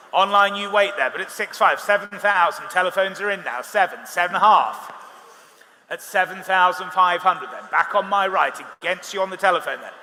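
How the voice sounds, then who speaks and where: A British man working as an auctioneer, calling live bids quickly with wry, bantering asides to bidders. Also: sits high, pushed and bright. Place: large reverberant auction hall. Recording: reverberant hall, amplified, faint background noise.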